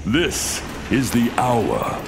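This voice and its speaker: An actor playing a menacing, proud warlord in a game cinematic, with a gravelly voice and a slow, grave, declamatory delivery. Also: male voice, mid-range voice, wildly swooping pitch, very noisy, exaggerated voice. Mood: menacing, triumphant. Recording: loud music under the voice.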